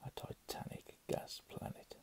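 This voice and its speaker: A man reading under his breath in a hushed ASMR whisper, with casual murmured asides. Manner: slow, hushed delivery. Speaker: ASMR reader.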